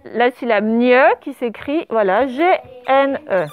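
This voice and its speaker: In a dull, lo-fi recording, a primary school teacher goes over a dictation, patiently pausing as she spells each word letter by letter. She speaks on the high side.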